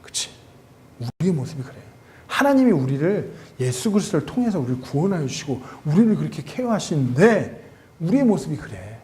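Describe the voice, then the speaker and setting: Male youth pastor, sermon delivery, lively and expressive, pitched high. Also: a little fast. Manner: animated, acts out quoted dialogue.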